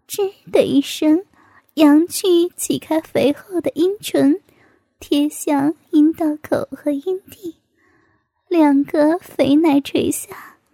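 Woman reading a story in a whisper, high soft voice, slow and close, dry sound. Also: no room sound. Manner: hushed, slow and intimate. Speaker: narrator.

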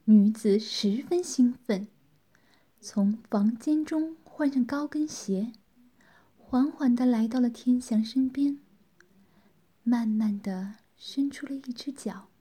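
Slow, breathy whispering female storyteller. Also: fairly high pitch. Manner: soft hushed whisper.

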